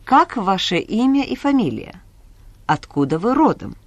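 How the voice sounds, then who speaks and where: A woman presenting a language lesson in a clear, teacherly scripted voice. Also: mid-range voice, very animated, normal speed, dry recording.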